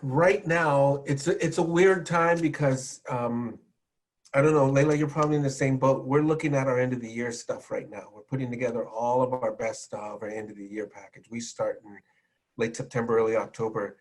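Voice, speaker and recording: A man talks in a relaxed, chatty way as a music journalist, with a mid-range voice. He is self-deprecating and often stumbles and restarts his sentences. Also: medium pitch, normal speed. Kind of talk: panel discussion.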